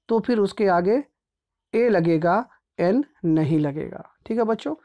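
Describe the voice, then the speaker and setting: A male teacher walks pupils through a grammar lesson. His delivery is patient and repetitive, and he keeps pausing to check that everyone is following. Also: high voice, a little mellow. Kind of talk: grammar lesson explained step by step.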